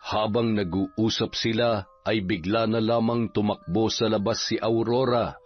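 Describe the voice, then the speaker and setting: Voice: mid-range voice, steady tone, a little slow, lo-fi sound. A storyteller reading a dramatic, scripted horror narration. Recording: band-limited audio with music behind.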